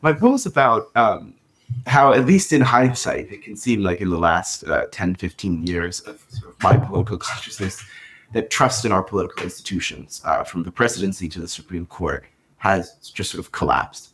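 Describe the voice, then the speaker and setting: Husky, deep-voiced male poet. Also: moderate pace, fairly bright tone. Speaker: podcast co-host and poet. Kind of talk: poetry reading then casual talk.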